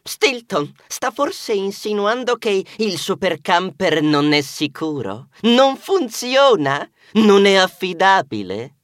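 A prim, touchy old mouse professor drawing out his words slowly in a lifted, lilting voice, as a storyteller voices him. Recorded close and dry. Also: high voice, sing-song, fairly bright tone, no echo, full character voice. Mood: offended. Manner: prim and formal, easily offended. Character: fussy older male mouse professor, touchy.

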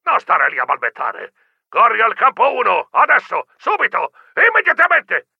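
A man's voice: sits high, wildly swooping pitch, moderate pace, gravelly, husky, no room sound, dull audio, pitched above the performer's own voice, full character voice. A man voicing a bossy old grandfather mouse who barks commanding, clipped orders down the phone in an audiobook. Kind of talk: audiobook character voice.

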